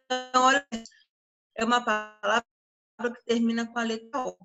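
Over music, a woman with a fairly high voice and level tone teaches grammar online in a Brazilian Portuguese accent. She stretches out example words and frequently checks on her class.

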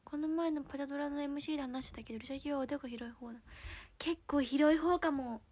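Young idol girl streaming, hakata accent, high voice, giggles and mumbles softly to herself. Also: steady tone, fast talker. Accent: Hakata dialect. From Fukuoka, Japan. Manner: giggly, often drops to a soft murmur. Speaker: idol livestreamer. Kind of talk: casual livestream chat.

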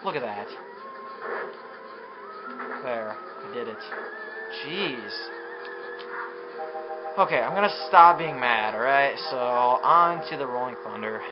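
A man giving gameplay commentary, frustrated, swearing and yelling at the game as he plays. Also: medium pitch, slow pace, long pauses, loud music behind the voice. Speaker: let's play commentator. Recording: muffled lo-fi recording with steady noise.

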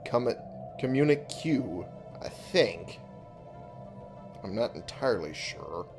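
Male let's-player, lowish voice with animated swings, informal and sweary, game music underneath. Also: moderate pace. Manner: informal, frequent swearing, thinks out loud. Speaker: video game let's-play host. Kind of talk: casual solo gameplay commentary with reading aloud of on-screen text.

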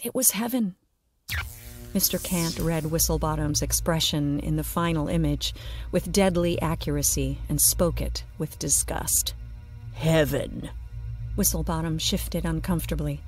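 A woman's voice: sits low, fairly even intonation, normal speed, faint music behind. A woman narrating a scripted audio story with wry, playful asides.

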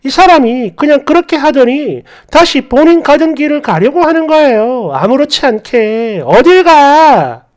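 Lively woman narrating a story. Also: high-pitched, moderate pace, hardly any pauses.

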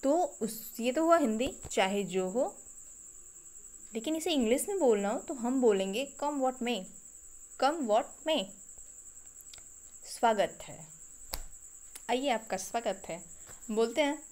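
A woman with an Indian accent teaching English vocabulary, explaining each phrase slowly and repeating it with pauses. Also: fairly high pitch, expressive, darkish tone. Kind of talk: spoken English vocabulary lesson.

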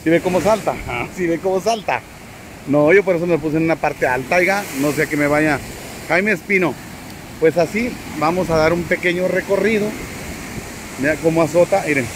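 A man live-streaming outdoors from a high spot by the sea, chatting and joking with his viewers and greeting them by name. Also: fairly quick, background noise. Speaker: vlogger. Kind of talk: casual live stream from the seafront.

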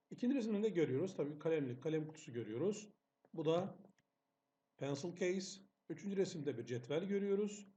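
A man's voice: a little high, warm tone, dull audio. A male English teacher patiently walking students through exam questions, asking and answering his own questions. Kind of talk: exam-prep lesson narration over slides.

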